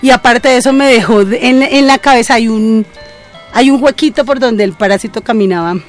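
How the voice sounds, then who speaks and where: An older Colombian woman with a Colombian accent, a radio listener telling her story in a lively, animated way. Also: on the high side, brisk, soft background music. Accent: Colombian Spanish. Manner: animated testimony. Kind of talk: casual on-air chat.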